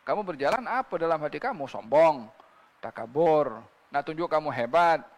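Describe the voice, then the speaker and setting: A male preacher delivers a sermon in a fairly high voice that keeps catching into a gravelly fry. He recites scripture in Arabic and often checks in with his listeners through rhetorical questions. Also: expressive, normal speed, big-room sound. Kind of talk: religious sermon.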